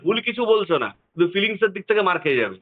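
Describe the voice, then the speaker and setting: A man teaching singing on a video call, singing phrases slowly and explaining in quick low asides. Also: sing-song. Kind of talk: online music lesson, talking and singing phrases. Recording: tinny phone-like line with faint guitar.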